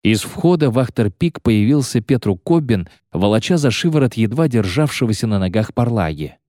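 A man narrating a fantasy novel in an expressive, dramatic reading. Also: mid-range voice, moderate pace, no room sound, clean studio sound. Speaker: audiobook narrator.

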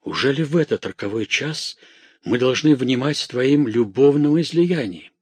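A man's voice: medium pitch, lively intonation, normal speed, breathy edge, dry recording, pitched above the performer's own voice. A man reading an audiobook, voicing a proud nobleman who speaks with indignant authority. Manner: indignant, commanding.

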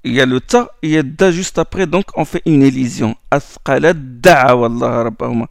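Gravelly-voiced man teaching recitation rules. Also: on the high side, a little fast, darkish tone, no room sound, studio quality. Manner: explains in French, recites Arabic verses in a chanting tone; repeats words and restarts often while explaining. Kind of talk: classroom lesson on recitation rules.

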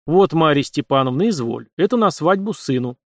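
A man's voice: a little high, expressive, normal speed, no room sound. A man voicing a confident young nobleman who speaks in an assured, matter-of-fact, commanding way. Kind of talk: audiobook character voice.

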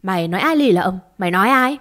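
Woman playing a shrill, hysterical spoiled young woman. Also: animated, fast talker, fairly bright tone, close to an everyday voice. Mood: angry. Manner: shrieking, hysterical.

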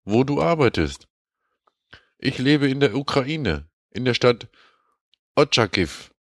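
A man's voice: medium pitch, very animated, slow pace, dry recording, clean studio sound, pitched above the performer's own voice, heavily acted. A man voicing a young woman who writes stiff, broken spam emails, reading them in a raised voice. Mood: stilted.

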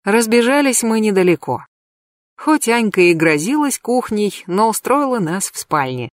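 A woman narrating a novel in the first person with a wry, lively storytelling manner. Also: medium pitch, normal speed, no echo, clean studio sound. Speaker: audiobook narrator.

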